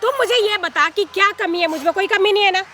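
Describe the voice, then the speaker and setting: A woman playing a scheming, domineering married aunt who taunts and threatens, scolding with rapid questions. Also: extremely high pitch, pushed and bright, a little hiss or hum. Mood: taunting. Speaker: actor in a short drama. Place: outdoors in a public place.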